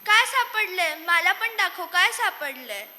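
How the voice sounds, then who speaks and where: Woman doing whiny little mice, high and eager. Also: a little slow, pushed and bright, heavily acted. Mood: excited. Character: two playful lazy little mice, excited and whiny. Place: stage in a hall. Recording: echoey hall.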